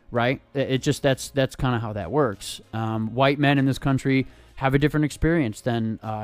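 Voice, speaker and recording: A man co-hosting a podcast, explaining his view in a measured way with some stammered restarts. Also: medium pitch, clear, resonant tone, no echo. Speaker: podcast co-host. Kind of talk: casual political chat.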